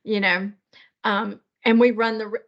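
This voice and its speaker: A woman's voice: mid-range voice, level tone. Woman talking on a lo-fi meeting call. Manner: thoughtful, measured, with restarts. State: has the hiccups. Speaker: manager in a work discussion. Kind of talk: casual work meeting discussion. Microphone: video call.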